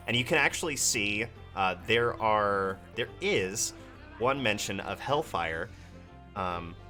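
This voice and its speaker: A man narrating as game master of a tabletop game, relaxed and hesitant with many fillers. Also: on the low side.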